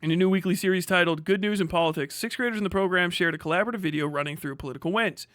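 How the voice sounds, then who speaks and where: A man hosting a livestream reacts to an article, reading it aloud and riffing casually in a sarcastic, mocking way with plenty of swearing. His voice is high and fairly bright, and he talks at a racing pace. The studio sound is clean, with no room echo.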